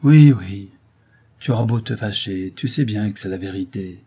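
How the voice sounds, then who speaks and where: A man voicing an aging, loyal female servant with a cracked, tired voice, speaking slowly with halting pauses. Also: mid-range voice, warm tone, slightly rough, voice pushed up, close to an everyday voice. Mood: weary scolding.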